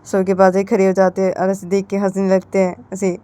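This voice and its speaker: A woman's voice: medium pitch, monotone, fairly quick, warm tone. A woman narrating a family romance story in a casual, rambling way, chaining events with repeated linking words.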